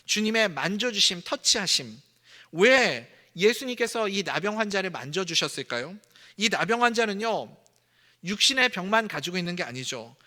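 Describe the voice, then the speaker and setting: A man's voice: sits high, sing-song, normal speed, sharp tone, in a large hall. A man preaching a sermon as pastor of a church, talking to the congregation in a conversational way and acting out quoted lines. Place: church sanctuary.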